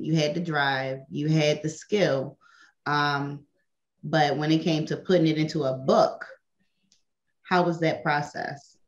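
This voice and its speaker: A woman in her thirties hosting an interview over a video call, asking friendly questions. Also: deep voice. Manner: friendly questions, laughing asides. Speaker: host. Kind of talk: casual interview. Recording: dull lo-fi video call audio.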